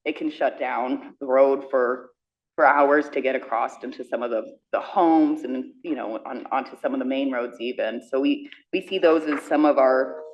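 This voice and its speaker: A woman speaking for her community at a council meeting, briskly listing practical complaints. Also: extremely low pitch, muffled recording.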